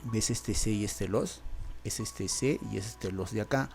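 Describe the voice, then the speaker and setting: A man's voice: fairly low pitch, measured pace, a little mellow, soft background music. A male teacher from Peru with a Peruvian Spanish accent, patiently explaining grammar and repeating each point. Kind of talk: grammar lesson.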